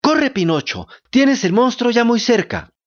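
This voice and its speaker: A man voicing an anxious little female goat who shouts warnings in a high, bleating voice. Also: lively intonation, measured pace, lo-fi sound. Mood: urgent.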